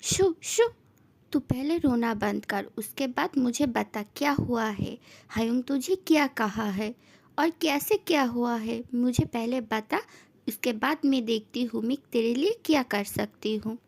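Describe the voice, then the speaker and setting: A woman's voice: fairly high pitch, measured pace, gravelly, a little mellow. A woman voicing a stern young man who scolds firmly but cares, in a fan-fiction story. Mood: scolding. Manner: firm, scolding.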